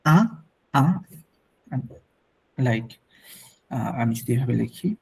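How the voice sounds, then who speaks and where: A man teaching an online French lesson, explaining slowly, repeating words and mixing in English. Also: mid-range voice, fairly even intonation, gravelly, slightly rough.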